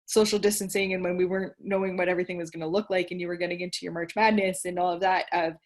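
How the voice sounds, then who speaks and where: A woman hosting a casual video call conversation as a coach, encouraging and quick to laugh. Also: fairly low pitch, fairly even intonation. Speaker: podcast host and coach.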